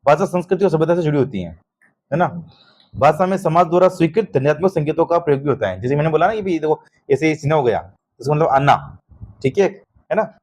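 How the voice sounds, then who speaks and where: Hindi-speaking male teacher, raised pitch. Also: expressive, fast, darkish tone, slightly rough. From Rajasthan. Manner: explains by asking checking questions, calls students "beta". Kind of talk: exam-prep lecture.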